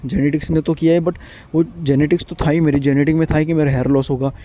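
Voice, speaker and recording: A man's voice: a little high, little pitch movement, fast talker, mellow. A man in his twenties giving an earnest, repetitive motivational monologue to the camera, switching between Hindi and English. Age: 20s. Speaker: vlogger.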